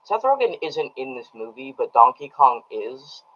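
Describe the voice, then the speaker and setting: A man's voice: mid-range voice, sing-song, moderate pace, a bit bright. A man giving a casual, rambling movie review to his live chat, full of ums and restarts. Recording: dull lo-fi audio.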